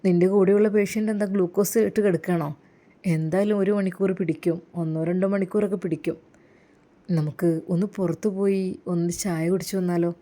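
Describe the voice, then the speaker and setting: A woman voicing a lecherous, smooth-talking villain man in a low, wheedling tone. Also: fairly even intonation, a little fast, mellow, close to an everyday voice. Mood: coaxing.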